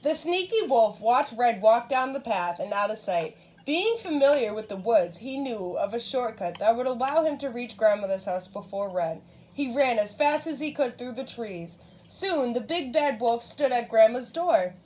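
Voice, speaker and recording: A woman reading a picture book aloud to a young child, pausing to ask questions about the pictures. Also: fairly high pitch, slight background noise, rough recording. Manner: animated, asks the child questions. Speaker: reader.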